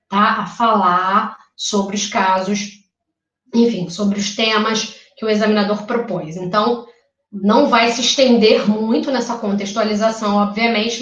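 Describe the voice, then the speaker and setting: A Carioca woman from Rio de Janeiro, Brazil, gives a live online exam-prep lecture in Carioca Brazilian Portuguese, chatty and checking in with "tá?" and "né?". Her voice is fairly high, the highs are cut off, and the sound is roomy and distant.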